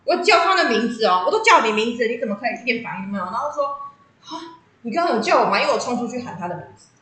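A woman, chatting casually and telling stories, animated, laughing often and acting out the voices of people she quotes. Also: on the high side, rapid-fire, roomy sound, low-quality recording. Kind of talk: casual chat, storytelling.

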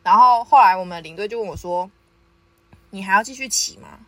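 A young woman, hosting a podcast and telling a personal story in casual chat, lively and often laughing. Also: medium pitch, a little fast, no echo. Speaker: podcast host.

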